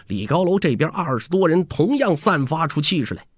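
Lively male audiobook narrator. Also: fairly high pitch, brisk, breathy edge, no echo, studio quality. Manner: lively, dramatic storytelling. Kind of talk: scripted storytelling.

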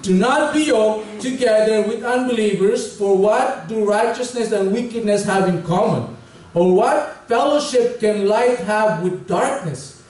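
A man's voice: sits high, unhurried, darkish tone. A middle-aged male pastor preaching a conversational sermon with humor, heard from a distance in a church hall. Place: church hall stage with large windows behind. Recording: echoey hall, voice from far off.

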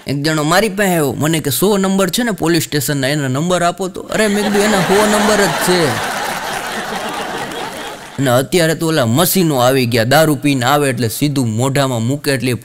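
A man telling jokes in a live stand-up show on a stage mic, lively and animated. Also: on the high side, moderate pace, noisy background. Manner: lively storytelling, acting out quoted voices. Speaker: stand-up comedian.

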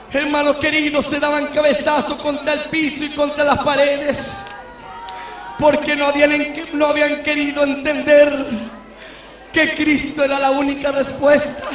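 A man preaching a shouted sermon testimony, calling his listeners beloved brother, in a church hall. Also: extremely high pitch. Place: church hall before a congregation. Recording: echoey hall, mic at a distance.

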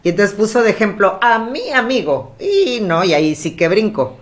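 A woman hosting a podcast in a casual, chatty storytelling manner, often pausing with fillers. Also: mid-range voice, sing-song. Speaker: podcast host. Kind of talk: casual chat.

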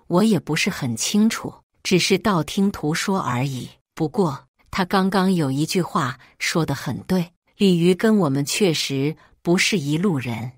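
A woman reading a story aloud, voicing an excitable, gossipy teenage schoolgirl who is the narrator's deskmate. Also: sits low, dry recording, clean studio sound. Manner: exclaiming, chattering.

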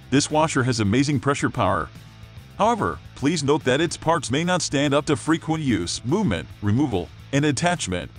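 A man reads a scripted product review voice-over, delivering the promotional narration in an upbeat, sales-pitch style.

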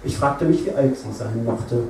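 A man's voice: medium pitch, moderate pace, warm tone, slight background noise. Wry male author reading, echoey hall. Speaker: author reading his own book. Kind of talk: live literary reading, first-person narration. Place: live reading venue, indoors. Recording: echoey venue, voice from a distance.

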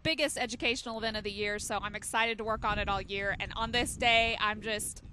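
A woman's voice: medium pitch, steady tone, fairly quick, sharp tone. A young American woman co-hosting live parade commentary on a headset outdoors, eager and enthusiastic. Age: young adult. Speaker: parade co-host, educator. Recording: outdoor street ambience, clear background noise.

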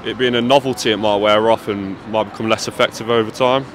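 A man's voice: fairly low pitch, steady tone, quick pace. A young man interviewing football fans outdoors in a casual, chatty way, holding a handheld mic. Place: outdoors by a stadium car park. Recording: outdoor street noise.

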